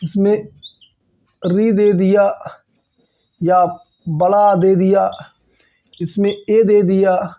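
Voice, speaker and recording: A man's voice: high-pitched, level tone, extremely slow, long pauses, warm tone. A man teaching an exam-prep grammar lesson who keeps checking in with his listeners and asks questions he then answers himself. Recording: dull lo-fi sound.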